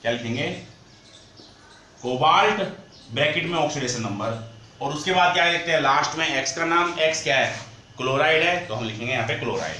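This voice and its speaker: A man teaching a chemistry lesson, who says key terms slowly and repeats them and asks the class questions as he goes. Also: fairly high pitch, lively intonation, pushed and bright, far from the mic, a little hiss or hum. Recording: echoey room, voice from off-mic.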